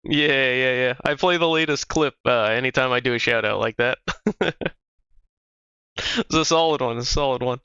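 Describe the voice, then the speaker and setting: A man's voice: mid-range voice, moderate pace, pushed and bright, smooth, no echo. A man livestreaming a game, chatting casually with viewers in a loose, profane way. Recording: slightly dull stream audio with music.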